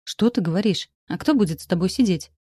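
A woman's voice: mid-range voice, expressive, quick pace, mellow, breathy edge, dry recording, clean studio sound. Woman reading as a weary grown daughter. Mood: exasperated. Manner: tired, exasperated. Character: weary, patient adult daughter caring for her mother.

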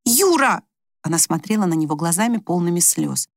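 A woman narrating an audiobook in an even, measured storytelling manner. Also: mid-range voice, dry recording, clean studio sound.

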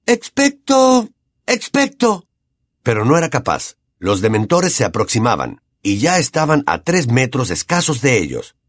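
A man with a Latin American accent narrating an audiobook in an expressive, dramatic storytelling manner. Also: medium pitch, moderate pace, hardly any pauses, no room sound, clean studio sound. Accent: Latin American Spanish.

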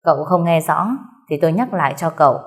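A woman's voice: low-pitched, fast, lightly acted. A woman voicing a proud, sulky young wife in a storybook reading, answering with curt, sarcastic retorts.

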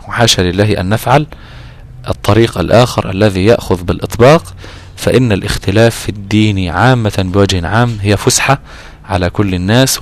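A man with an Egyptian accent teaching a recitation lesson, repeating key terms and slowing down to draw out his recited examples. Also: on the low side. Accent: Egyptian Arabic. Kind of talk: explanatory lesson.

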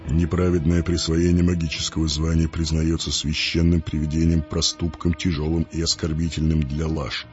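A man putting on a deep-voiced grim hooded cult servant. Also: little pitch movement, moderate pace, hardly any pauses, a little mellow. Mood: grave. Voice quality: unexpectedly deep, low voice. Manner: solemn, formal, intoning. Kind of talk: audiobook reading. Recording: muffled audio with faint music.

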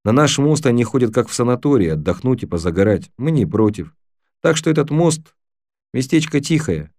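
A talkative, easygoing boy, as a man reading aloud puts him on, explaining things with lively energy. The voice sits raised above the reader's own, dark in tone. It is recorded close and dry. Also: medium pitch, fairly quick, dry recording.

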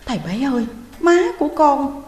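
A woman's voice: high voice, lively intonation, a little fast, darkish tone, pitched above the performer's own voice. A woman voicing a small frightened girl, begging breathlessly and sobbing. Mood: pleading, tearful. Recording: roomy reverberant room, faint music.

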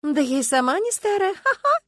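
In an audiobook, a woman reads as a tipsy brunette flirt with a high, swooping voice, loud and mocking. The sound is dry and close. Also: expressive, fairly quick, no echo. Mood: tipsy, teasing. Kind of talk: audiobook character reading.

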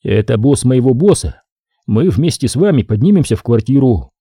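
A male audiobook reader voicing a tired, restrained detective who speaks in a dry, measured way. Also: medium pitch, big pitch swings, dark tone, husky, no echo. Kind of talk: audiobook character voice.

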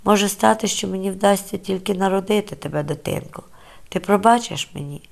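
A woman reading the part of a frail young pregnant woman, who speaks in a soft, trembling, tearful voice. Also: medium pitch, fairly even intonation, fairly quick, vocal fry, lightly acted. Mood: frightened, pleading. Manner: tearful, pleading.

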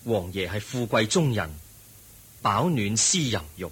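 A man with a Hong Kong Cantonese accent playing the Buddha as a calm, gentle and wise teacher in a radio drama. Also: fairly low pitch, slightly rough, full character voice. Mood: calm counsel. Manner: gentle, measured, preaching.

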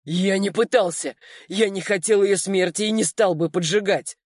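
This is a cornered, furious man who yells his defiance in a strained, raised voice, as a reader acts him out. He is a figure in a dark audiobook drama, and the sound is close and completely dry. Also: mid-range voice, moderate pace, no echo, pitched above the performer's own voice, natural voice. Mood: desperate shouting. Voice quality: yelling, strained. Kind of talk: audiobook dialogue acting.

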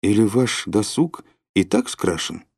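A woman's voice: a bass voice, measured pace, darkish tone, breathy edge, dry recording, studio quality, exaggerated voice. A man reading an audiobook, voicing a cool, sly woman who lures a nervous man, with coaxing, raised calls. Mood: teasing.

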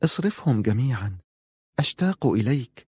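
A man voicing a tender young woman, a lord's lover, speaking in a hushed, affectionate way. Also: fairly low pitch, expressive, moderate pace, slightly rough, no echo, clean studio sound.

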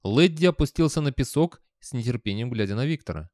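A man narrating a comic fantasy audiobook at a mid pitch, reading in a measured, expressive way. The sound is dry and close, with no room around it. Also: no room sound. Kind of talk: scripted narration.

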